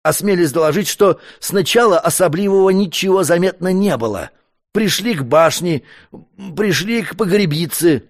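A man's voice: high-pitched, animated, moderate pace. A man voicing a frightened household butler who stammers as he reports in a storybook reading. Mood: flustered.

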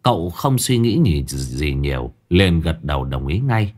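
A man's voice: extremely low pitch, unhurried. A man narrating a ghost story expressively. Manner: expressive, animated.

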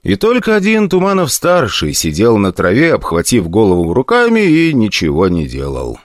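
A man giving an expressive, first-person narration of a fantasy audiobook. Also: lowish voice, normal speed, dry recording, studio quality.

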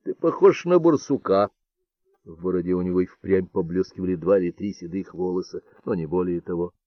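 A man reads an audiobook in a calm, measured way. His voice sits fairly low. The recording is dry, with a slightly dull, muffled sound. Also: no room sound. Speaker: audiobook narrator. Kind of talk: scripted narration.

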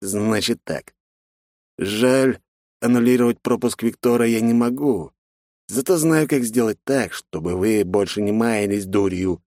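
A bossy, scolding academy director, as a male narrator puts him on barks his orders and stretches out words for weight. His voice sits a little higher than the reader's own, slightly low for a man and very dry, with no room around it. He sounds like a man used to being obeyed. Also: fairly even intonation, mellow, no room sound, close to an everyday voice. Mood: stern. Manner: barking, scolding, drawn-out emphasis. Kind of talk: audiobook character voice.

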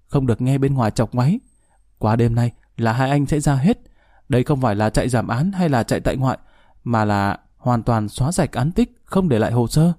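A man's voice: medium pitch, mellow, dry recording, studio quality, close to an everyday voice. A man reading the part of an anxious, pleading young woman in a spoken ghost story. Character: young woman, scheming then tearful and remorseful.

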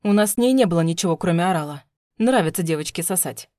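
A woman's voice: lowish voice, lively intonation, fast talker, mellow, no echo, clean studio sound, natural voice. A woman voicing a cold, menacing husband. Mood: coaxing, menacing. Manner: smooth, coaxing, then threatening through teeth. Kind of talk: audiobook narration.

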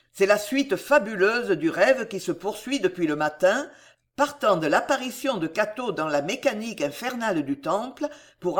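A reader narrating a historical novel in a dramatic, storytelling manner. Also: medium pitch. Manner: slow, theatrical storytelling. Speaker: audiobook narrator.

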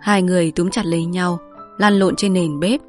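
A woman host reading a novel aloud in measured, polite scripted narration. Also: on the low side, steady tone, faint music behind. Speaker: audiobook narrator.

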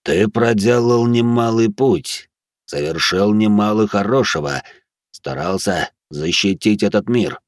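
Guy putting on a deep booming lizard guard, slow and heavy, kinda otherworldly, dry sound. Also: expressive, dry recording. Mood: solemn. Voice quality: deep, thunderous. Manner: solemn, slow and weighty.

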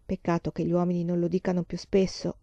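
A woman's voice: on the low side, completely flat delivery, quick pace, mellow, no room sound, muffled recording, lightly acted. A woman reading the lines of a strict, proper pioneer mother in a disapproving, earnest way.

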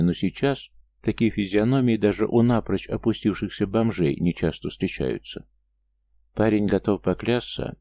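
A man reading an audiobook aloud as narrator, in a steady storytelling manner. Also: fairly low pitch.

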